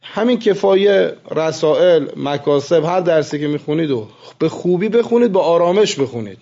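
A man teaching seminary students, lecturing with animated storytelling and soft asides. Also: fairly high pitch, gravelly. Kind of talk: classroom lecture with anecdotes. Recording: muffled lo-fi recording.

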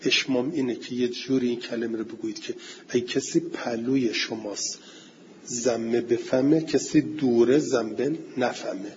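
A man's voice: medium pitch, steady tone, a little mellow. Man lecturing in a classroom. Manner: explains slowly, reciting Arabic text then glossing it. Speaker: teacher of Arabic grammar. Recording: dull lo-fi recording with faint hiss.

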